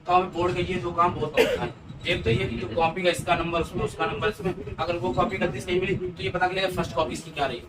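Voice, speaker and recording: A man's voice: sits high, level tone, fast. A male teacher gives exam-prep advice to students in a coaxing, repetitive way. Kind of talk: exam-prep class lecture. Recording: noisy room, voice from a distance.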